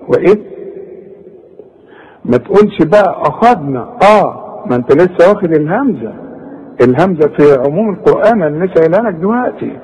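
A man's voice: on the high side, darkish tone, husky, low-quality recording. Egyptian man coaching Quran recitation. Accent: Egyptian Arabic. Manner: models recitation slowly, syllable by syllable, in drawn-out demonstrations; direct, colloquial coaching aimed at the student. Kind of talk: Quran tajweed lesson.

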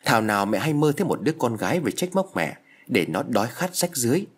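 Sorrowful mother, subdued and remorseful, voiced by a male narrator, husky. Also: medium pitch, big pitch swings, quick pace. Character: regretful middle-aged mother, quiet and sorrowful.

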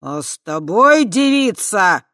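A reader voicing a pompous, gloating male spirit who guards a magic prison, loud and blustering. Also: medium pitch, sing-song, slow pace, no echo, clean studio sound, pitched above the performer's own voice, exaggerated voice. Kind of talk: audiobook character voice.

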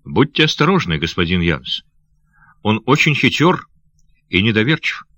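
A man's voice: on the low side, big pitch swings, normal speed, pushed and bright, no room sound, exaggerated voice. A man voicing a young noble lady who is anxious and loving, speaking in breathless, pleading questions. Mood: earnest.

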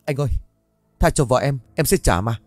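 A man's voice: medium pitch, animated, a little fast, dry recording, soft background music, close to an everyday voice. Man doing frightened young debtor, pleading, fearful, dry sound. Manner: fearful, begging.

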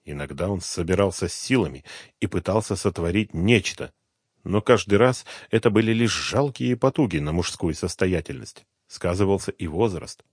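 A man narrates a novel in a fairly low voice with a lively, expressive lilt. His delivery is measured and storytelling. The recording is close and dry, with no room sound. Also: breathy edge, no room sound. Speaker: audiobook reader. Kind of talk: scripted narration.

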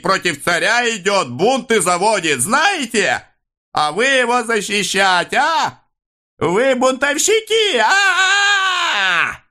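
A man reading an audiobook voices a bullying, middle-aged police officer who squeals and screams abuse in a shrill, cracking, hoarse voice. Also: bright, forceful tone, heavily acted.

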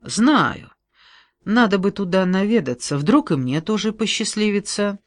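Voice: mid-range voice, lively intonation, a little slow, dry recording, clean studio sound, voice pushed up, lightly acted. A reader doing an eager, romantic forester. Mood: cheerful. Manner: eager, cheerful, solemn at times. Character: romantic cheerful middle-aged male head forester.

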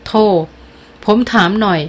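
A woman's voice: unhurried, lightly acted. A woman reading a cocky, mocking teenage boy. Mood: provoking. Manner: mocking, provoking. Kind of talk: audiobook character voice.

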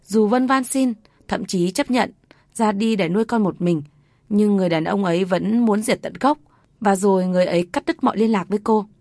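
A woman narrating an audiobook story in a steady, measured way. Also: mid-range voice, dry recording, studio quality.

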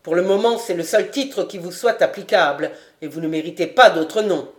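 A woman's voice: fairly low pitch, normal speed, reverberant, natural voice. A woman reading an audiobook voices a stern, scornful old male marshal who scolds with contempt. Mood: stern scolding.

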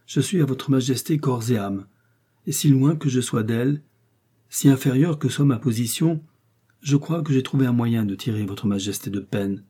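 A man's voice: mid-range voice, normal speed, warm tone, husky, close to an everyday voice. A man reading an audiobook, voicing a loyal, devoted young woman servant in an earnest, reassuring way.

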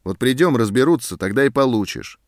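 A man voicing a short-tempered male army sergeant who talks in a harsh, scornful way, louder and higher than his narration. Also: lively intonation, a little fast, dry recording, clean studio sound, natural voice.

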